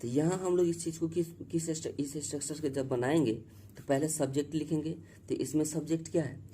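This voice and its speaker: Speaking Hindi, a man teaches a spoken English grammar lesson slowly, repeating points, spelling words letter by letter, and checking in with the class often. His voice is a little high, steady and mellow, with a faint hiss or hum in the recording.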